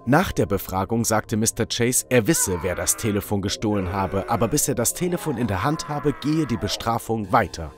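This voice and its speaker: A man reading a first-person story as scripted narration with an animated, expressive delivery. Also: lowish voice, normal speed, few pauses, music in the background.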